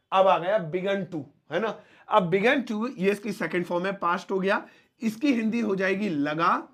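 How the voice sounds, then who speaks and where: A man teaching an English grammar lesson, explaining slowly and repeating words as he spells out examples. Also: sits high, a bit bright.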